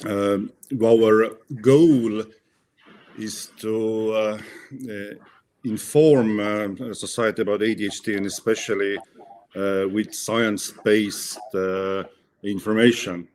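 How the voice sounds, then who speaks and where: Estonian man, scientist panelist, lowish voice, halting with frequent fillers. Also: steady tone, darkish tone, slight background noise. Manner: hesitant, many fillers, uneven pace. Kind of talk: online panel introduction. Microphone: video call.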